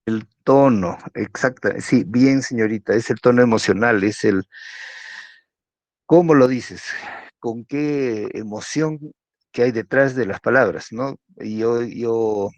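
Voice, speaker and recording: Lecturing a university class online, a man keeps things conversational, often ending sentences on a questioning note. He speaks slowly in a mid-range voice, with no echo on a dull, lo-fi recording.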